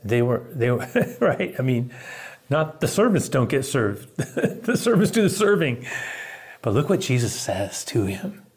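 Husky, slow-speaking male pastor. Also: medium pitch. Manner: animated storytelling, chuckling often. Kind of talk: sermon.

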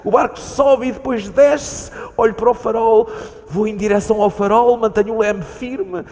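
A frightened man lost at sea, calling out again and again for a companion who is gone, as a man reads him on stage. His European Portuguese voice sits a little high and turns urgent and pleading. The long hall reverb of a live theatre reading hangs around every word. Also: fairly even intonation, normal speed, darkish tone, natural voice. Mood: haunted recounting.

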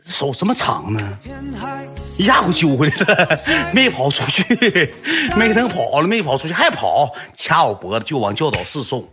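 A man with a Northeastern Chinese accent tells a comic story, slangy and animated, with sound effects mixed in. His voice sits a bit high and swings widely. Faint music plays underneath. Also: normal speed, few pauses.

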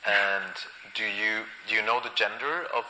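A man's voice: on the low side, normal speed, sharp tone. A man in the audience asking a question, stumbling and hesitating as he speaks. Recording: echoey hall from far off.

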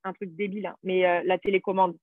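A woman's voice: on the low side, little pitch movement, fast talker, no echo. A French-speaking woman in casual conversation, chatty and full of fillers, telling stories from her own life. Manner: chatty, storytelling, many fillers. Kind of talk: casual chat. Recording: tinny phone-like line.

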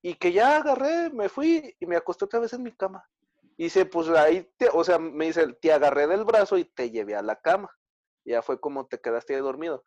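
A man's voice: a little high, expressive, fairly quick, a little mellow, no echo, highs cut off. A man with a Mexican Spanish accent, telling a story in a casual, slangy chat full of fillers.

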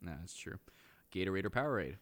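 A man's voice: deep voice, expressive, quick pace, fairly bright tone, no echo. A man co-hosting a podcast, bantering casually in a blunt, grumpy way with plenty of swearing. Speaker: podcast co-host.

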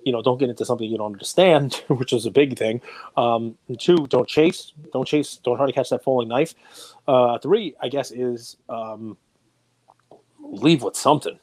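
A man co-hosting a casual podcast, talking in an animated way and acting out what other people say in excited voices. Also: medium pitch, moderate pace, dry recording. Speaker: podcast co-host.

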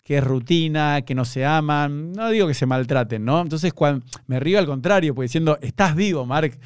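A man's voice: a little high, a little fast, clean tone, no room sound, studio quality. A man with an Argentine accent, interviewing a guest in a chatty, rambling, enthusiastic way. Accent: Argentine Spanish. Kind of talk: casual interview chat.

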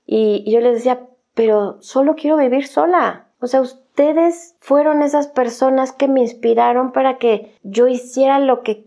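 A woman with a Mexican accent tells her life story in a candid, conversational way, often tagging on "o sea" and "¿no?". Her voice is on the high side and mellow.

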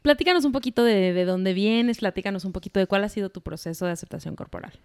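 A Mexican woman hosting a podcast interview in a studio, chatty, with quick interjections. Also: medium pitch, darkish tone, clean tone. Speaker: podcast host.

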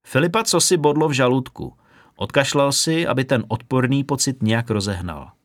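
Brief: man narrating a novel, expressive storytelling, middle pitch, dry studio sound. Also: no echo. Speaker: audiobook narrator. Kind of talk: scripted narration.

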